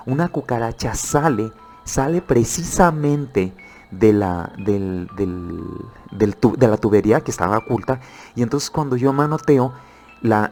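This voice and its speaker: A man, telling a personal horror story in a halting way, often repeating words and restarting. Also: mid-range voice, a little mellow.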